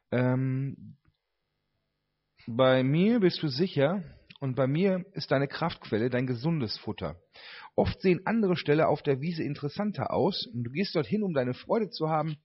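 Husky man reading a meditation. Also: mid-range voice. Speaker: participant. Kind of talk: reading a written meditation aloud. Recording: dull lo-fi sound.

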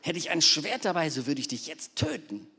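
A man playing a hot-tempered prophet shouting at his donkey, pitched above his usual voice. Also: big pitch swings, normal speed, vocal fry, slightly rough, heavily acted. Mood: angry. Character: rash prophet, grown man, quick-tempered. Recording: long reverb of a large hall.

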